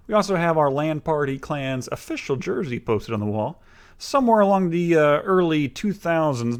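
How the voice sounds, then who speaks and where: A man with a medium-pitched voice acts as the guide on a casual video tour. He narrates his own room as he shows it to viewers.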